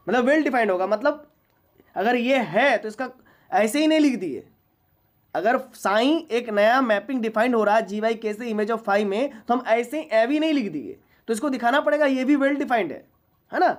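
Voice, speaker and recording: A woman's voice: fairly high pitch, lively intonation, normal speed. A woman teaching a university maths class, lecturing patiently and often asking whether students follow. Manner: patient, checks understanding often.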